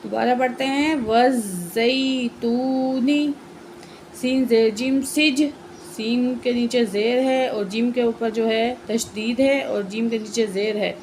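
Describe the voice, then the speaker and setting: A woman teaching a Quran reading lesson, patiently spelling out each letter and stretching the joined words very slowly. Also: on the high side, steady tone, a little mellow, a little hiss or hum, rough recording.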